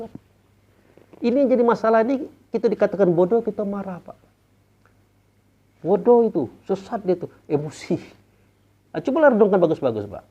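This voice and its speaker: A male Islamic preacher delivers a sermon to a study gathering. He talks rhetorically, keeps addressing his listeners as sir, and swings between loud, emphatic lines and quiet, trailing ones. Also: high voice, slightly rough. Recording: dull lo-fi recording.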